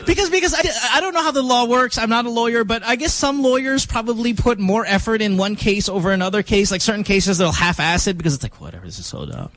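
A man hosting a morning radio show, telling a story in quick, animated banter with laughing asides. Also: very high voice.

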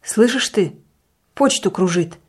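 A woman's voice: medium pitch, animated, slow, breathy edge. A woman voicing a suspicious, grumbling village sexton who mutters and then bursts out in angry accusations. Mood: accusing.

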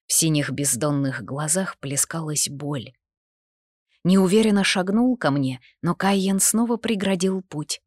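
A woman narrating a first-person fantasy romance audiobook, expressive and intimate. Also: low voice, unhurried, no echo, clean studio sound.

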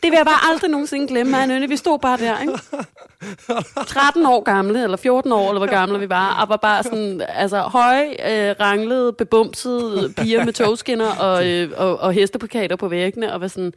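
A woman co-hosting a podcast, telling an anecdote in casual chat with lively, acted-out quotes. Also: on the high side, no echo. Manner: animated storyteller, acting out quoted voices. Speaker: podcast co-host.

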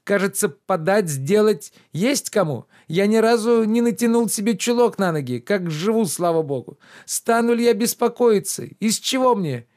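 Man doing a shrill indignant pampered gentleman. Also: lively intonation, moderate pace, few pauses. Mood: shrill outrage. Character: pampered idle middle-aged gentleman, indignant.

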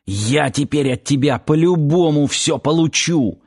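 A male audiobook reader voicing a rough, predatory man who coaxes in low whispers and snarls threats. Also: expressive, unhurried. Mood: vicious threatening. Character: rough, predatory grown man, menacing and crude.

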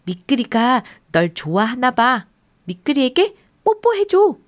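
A woman's voice: sits high, very animated, unhurried. A woman voicing a bold, mischievous young girl who gushes and bosses others. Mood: gushing.

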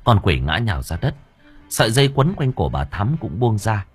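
A man narrating an audio story in a vivid, expressive way. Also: on the low side, moderate pace, breathy edge, faint music behind.

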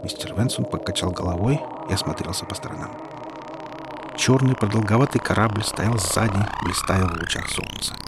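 Low-voiced male audiobook narrator. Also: normal speed, loud music behind the voice.

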